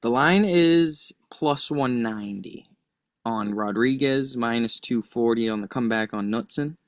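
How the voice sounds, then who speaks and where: A man's voice: mid-range voice, unhurried, no room sound. Betting-analyst man on a dry mic. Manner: hedging, argues his picks with lots of "I think". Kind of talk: casual chat.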